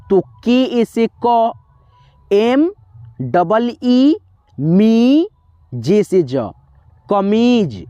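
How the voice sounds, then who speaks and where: A man teaching a spelling lesson at a slow, deliberate pace, sounding out each letter patiently. His voice sits at an ordinary middle pitch. The recording is dry and a little dull. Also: darkish tone, no room sound.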